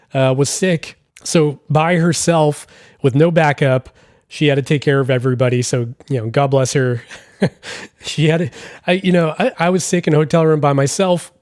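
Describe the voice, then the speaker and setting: Sick and scratchy-voiced, a Massachusetts podcast host in his thirties talks alone from a hotel room in a rambling, self-deprecating, apologetic way. The studio-quality recording is dry, and his fairly high voice carries a darkish tone.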